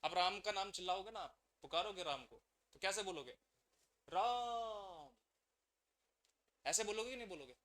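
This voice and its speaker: High, bright-voiced man teaching a class. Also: fast. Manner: asks the class questions and answers them himself. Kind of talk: classroom lesson.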